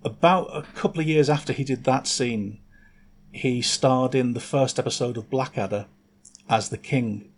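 A man's voice: mid-range voice, moderate pace. A man, a podcast guest, telling stories in casual chat and laughing easily. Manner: chatty storyteller, laughs easily.

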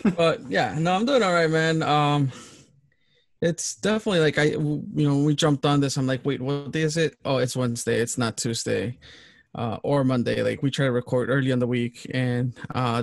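Gravelly-voiced easygoing podcast co-host. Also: male voice, medium pitch, no echo, clean studio sound. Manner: easygoing, filler-heavy. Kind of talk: casual podcast chat.

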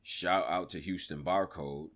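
A man's voice: deep voice, steady tone, measured pace, fairly bright tone. A man hosting a casual talk show, commenting in slang and repeating phrases for emphasis. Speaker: host of a battle rap talk show.

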